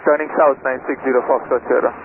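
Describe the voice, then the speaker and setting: A man flying a plane, talking over a cockpit headset on the radio, halting and filling pauses. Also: mid-range voice, steady tone. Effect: cockpit headset over aircraft radio. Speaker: pilot. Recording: tinny radio transmission with light static.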